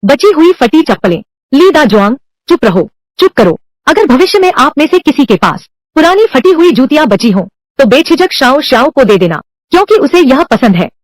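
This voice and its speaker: A woman's voice: high voice, big pitch swings, moderate pace, few pauses, no echo. A woman alone voicing every character of a dubbed drama, men and women alike, in one unchanged reading voice. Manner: reads all male and female parts in one unchanged voice. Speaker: voice-over dubber.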